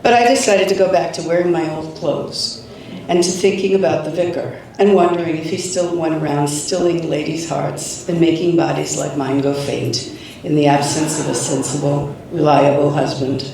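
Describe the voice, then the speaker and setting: An adult reading a novel passage aloud at a literary event, in a measured first-person style, recorded from a distance in a large venue. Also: medium pitch, steady tone, gravelly, darkish tone, a little hiss or hum. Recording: echoey hall, distant mic, faint ambience.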